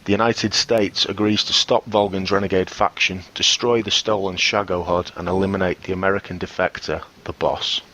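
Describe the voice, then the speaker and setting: A man hosting a gaming podcast, reading a plot summary aloud at a steady pace. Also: low voice, normal speed, few pauses. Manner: reads a plot summary steadily, chats in short replies. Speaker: podcast host.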